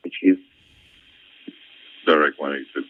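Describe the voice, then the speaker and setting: A man working as police dispatcher, giving brisk call-outs and directions over the police radio. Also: a bass voice, steady tone. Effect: police radio transmission. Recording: muffled archived radio call.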